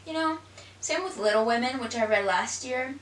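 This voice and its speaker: A book vlogger chats casually about her recent reads, rambling at normal speed and peppering her talk with "like." Her voice sits a little high and reaches a distant mic from a few steps away in an echoey room, with faint hiss in the background.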